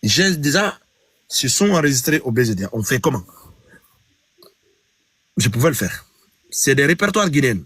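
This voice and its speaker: A man's voice: medium pitch, sing-song, normal speed, pauses often, a bit bright, husky, no room sound. A man from Guinea, a singer telling an interviewer about a song dispute and replaying each exchange with emphatic repeats. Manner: retells conversations, repeating "j'ai dit", emphatic. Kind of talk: interview storytelling.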